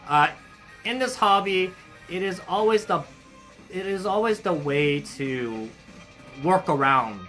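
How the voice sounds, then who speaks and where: Animated and medium-pitched with a bright, ringing tone, a young adult runs a casual hobby shop livestream while soft music plays faintly. They greet viewers and read their comments in an upbeat, effusive way, stumbling into lots of fillers and quick restarts.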